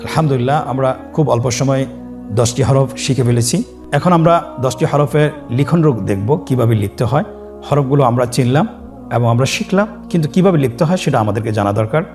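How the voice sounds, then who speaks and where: Man teaching Arabic letters, drawn-out sounds. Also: mid-range voice. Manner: drawn-out, sung letter names for listeners to repeat. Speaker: Quran reading teacher. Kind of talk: scripted lesson on Arabic letters.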